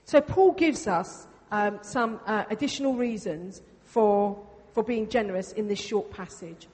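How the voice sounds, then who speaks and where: A Greek-native woman preaches a sermon in a chatty way, repeating phrases for emphasis. Her voice is medium-pitched, a little slow, darkish and husky. She comes through the venue's sound system in a reverberant church hall.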